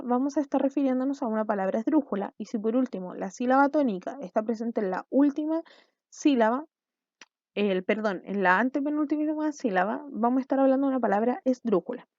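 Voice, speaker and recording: A woman with a fairly high, brisk voice and lively intonation, slightly mellow, teaches an online class. She explains patiently, one step at a time, checking in with her students often. The recording is dry with no room sound but has a dull, lo-fi quality.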